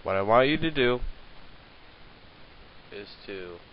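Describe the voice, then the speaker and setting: A young man giving a casual screen-recorded software tutorial, rambling and hesitant with many fillers, talking into a handheld mic at his home computer. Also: medium pitch, expressive, slow pace, dull audio, a little hiss or hum. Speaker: tutorial maker.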